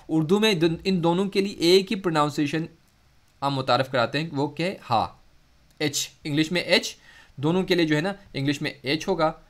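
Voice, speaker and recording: A man with an Urdu accent, a Quran recitation teacher giving a lesson, who explains slowly and then draws out the sounds he demonstrates. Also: on the high side, a bit bright. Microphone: close mic.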